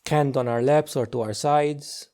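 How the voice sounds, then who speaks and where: A man guiding a sitting meditation slowly and gently, with long pauses between phrases. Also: mid-range voice. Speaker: meditation guide. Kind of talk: guided meditation.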